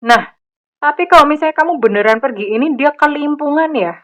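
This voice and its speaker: A middle-aged woman giving a general tarot reading, chatty and animated, with many fillers. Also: high voice, brisk. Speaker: tarot reader. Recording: slightly dull lo-fi recording.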